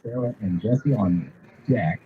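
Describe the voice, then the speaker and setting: A man's voice: fairly low pitch, expressive, slow pace, lo-fi sound, slight background noise. A man announcing drag races at a live event, calling out names, times and speeds. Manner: calls names and times over a PA. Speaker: race announcer. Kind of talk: live race-track announcing.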